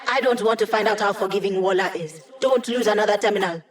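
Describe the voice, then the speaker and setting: A woman's voice: mid-range voice, fast talker, faint music behind, close to an everyday voice. Woman playing a playful, wry young hacker. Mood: focused, brisk. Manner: casual, wry, teasing asides. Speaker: video game character. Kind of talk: video game voice lines.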